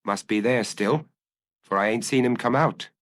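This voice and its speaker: A man's voice: mid-range voice, moderate pace, a bit bright, lightly acted. A man voicing a sullen working-class woman attendant who talks bluntly. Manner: sullen, blunt, dropped grammar.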